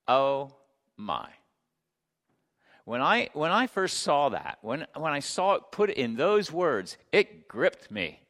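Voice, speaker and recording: Animated preacher man in a reverberant hall. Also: fairly high pitch. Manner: emphatic, swings from loud declaring to hushed asides. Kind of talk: sermon. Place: church sanctuary.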